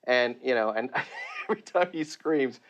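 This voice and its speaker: Brief: animated male voice actor in a casual interview. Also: mid-range voice, a little slow. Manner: animated, laughs often. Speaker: voice actor guest.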